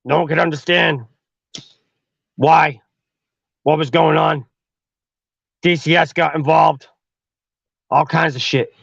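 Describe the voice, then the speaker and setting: A man's voice: fairly high pitch, steady tone, slow pace, creaky, long pauses, fairly bright tone, husky, no echo, dull audio. A man telling a horror story on his podcast in a profane, slangy way. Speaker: podcast host.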